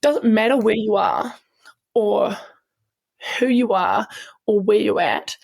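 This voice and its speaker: Her voice is medium-pitched, sing-song, gravelly, and darkish, and she takes her time. This New Zealand strength coach and sports medic shares stories as an interview guest, earnestly, with plenty of ums and restarts, in an easygoing setting.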